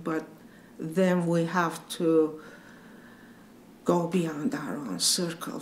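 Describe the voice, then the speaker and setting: A woman giving an earnest, deliberate view in an interview. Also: low-pitched, darkish tone. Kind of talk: reflective interview. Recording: echoey room, faint background hiss.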